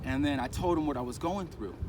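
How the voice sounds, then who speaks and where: A man in a casual vlog, telling a personal story in a rambling, animated way and acting out other people's lines. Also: fairly high pitch, fairly quick. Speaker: crypto vlogger. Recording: outdoor street noise, passing traffic. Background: traffic noise.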